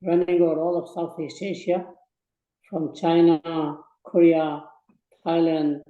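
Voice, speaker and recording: A man's voice: fairly high pitch, flat delivery, takes it slowly, dark tone, lo-fi sound. Man in his eighties in an echoey hall. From Burma. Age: 80s. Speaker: guest speaker. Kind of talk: speech to students.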